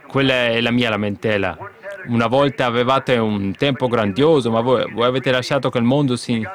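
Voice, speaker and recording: Fervent male preacher. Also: mid-range voice. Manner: fervent preaching with sudden emphatic outbursts and hushed asides. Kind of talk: sermon.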